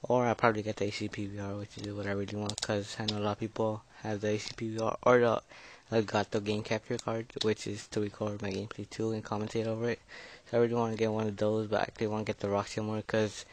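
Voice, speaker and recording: A man's voice: on the low side, monotone, fast talker, hardly any pauses, a little hiss or hum. A nervous fifteen-year-old boy giving a casual gameplay commentary, mumbling and hesitant, his speech slightly slurred by braces. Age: teenager, fifteen. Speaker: gaming video creator.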